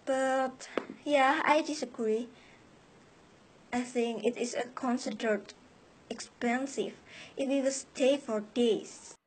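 A young woman with an Indonesian accent playing an agreeable, excitable friend in a recited English dialogue. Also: high-pitched, slow, a little hiss or hum. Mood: earnest. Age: young adult.

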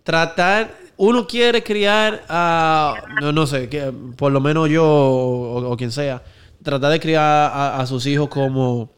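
A young man with a Dominican accent talking in a slangy, joking, animated way as a co-host on a casual podcast. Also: fairly high pitch, takes it slowly, clear, resonant tone.

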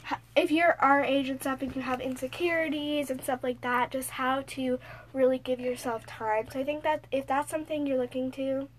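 A woman's voice: sits high, steady tone, moderate pace, slight background noise. A teenage girl co-hosting a podcast, chatty, giggly and teasing, recorded inside a small closet full of clothes. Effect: recorded inside a small clothes-stuffed closet. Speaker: podcast co-host. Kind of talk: casual chat.

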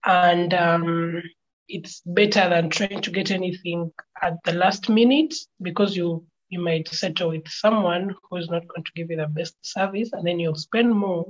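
Lowish Ugandan woman on a dull lo-fi mic. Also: fairly even intonation, measured pace. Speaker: podcast guest, travel vlogger. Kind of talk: casual interview answers.

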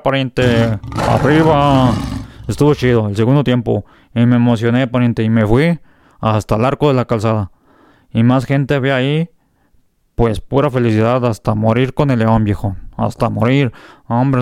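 Slangy, excitable Mexican man. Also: medium pitch, clean tone, no room sound, clean studio sound. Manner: slangy, excitable, rambling storyteller. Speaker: co-host. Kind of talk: comic news chat.

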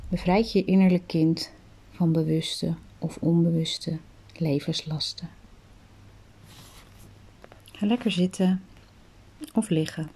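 A woman guiding a meditation in a soft, soothing voice that often drops to a breathy whisper. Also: lowish voice, a little hiss or hum. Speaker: meditation guide. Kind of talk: guided meditation.

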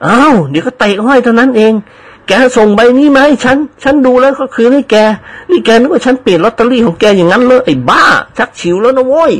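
Mock-stern young prankster, read by a man; high, scolding, bouncy. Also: lively intonation, quick pace. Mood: mock-angry.

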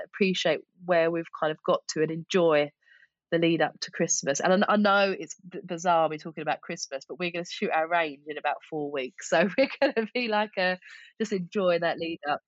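A woman's voice: on the low side, no room sound, muffled recording. A woman with an Essex accent speaking as an interview guest in a chatty, informal, self-deprecating way. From Essex, England. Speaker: podcast guest, small business owner. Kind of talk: casual interview chat.

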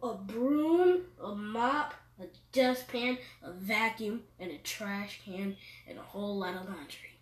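A woman co-hosting a casual movie podcast, answering slowly with giggly deadpan replies. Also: mid-range voice, far from the mic. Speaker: podcast co-host. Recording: echoey room, away from the mic.

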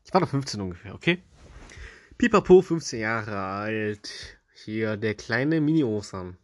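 A man's voice: lowish voice, lively intonation, unhurried, no echo, studio quality. A young man hosting a casual storytelling podcast, joking and slangy, with playful restarts. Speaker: podcast host.

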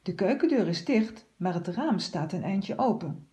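A woman calmly reading a children's story aloud. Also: mid-range voice, a little slow.

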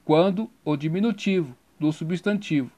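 A man's voice: on the high side, normal speed, dark tone. A man teaching a grammar lesson, spelling out letters and repeating each rule.

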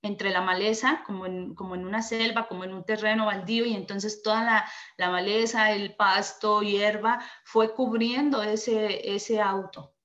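A woman's voice: medium pitch, fairly even intonation, normal speed, hardly any pauses, fairly bright tone, dull audio. A woman giving an earnest motivational talk, speaking straight to the listener. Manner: earnest, addresses listener directly. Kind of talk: motivational talk with acted stories.

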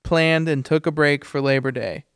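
Clear-voiced man, casual podcast host. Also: fairly high pitch, fairly even intonation, moderate pace, fairly bright tone, no room sound, clean studio sound. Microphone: close podcast microphone into a mixer.

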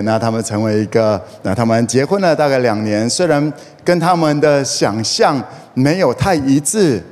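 A man's voice: mid-range voice, darkish tone. A middle-aged man preaching to a congregation, telling stories with humor and asking for call-and-response. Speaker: pastor. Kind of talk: sermon with humorous storytelling. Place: church hall. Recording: echoey hall with faint noise.

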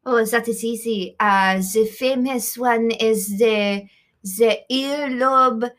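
A woman doing a brash, rude chef with a thick put-on accent, boasting about revolting dishes in an improvised comedy sketch. Her voice sits fairly high and she drawls slowly, stumbling over her words. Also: steady tone, fairly bright tone. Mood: boastful. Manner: heavy put-on accent, halting, blunt and rude. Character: brash foreign female chef with gross recipes.

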